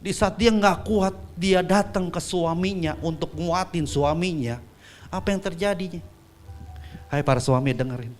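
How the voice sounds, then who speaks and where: A man preaching a sermon, telling a story with acted-out voices and swinging from soft asides to loud peaks. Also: sits high, a little slow, faint music behind. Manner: acts out quoted voices in dialogue.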